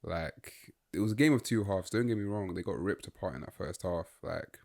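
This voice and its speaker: A gravelly, slightly low-pitched man in his twenties co-hosts a podcast, chatting casually about football at a slightly fast clip. He's relaxed and rambling, thinking out loud and filling gaps with "like" and "um."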